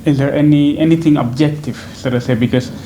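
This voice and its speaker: Speaking quickly in a slightly high, mellow, steady voice, a Venezuelan man in his twenties responds to interview questions with thoughtful hesitation, many fillers and restarts. He's on a sofa in a small indoor room with a stand microphone in front, and a little hiss or hum sits underneath.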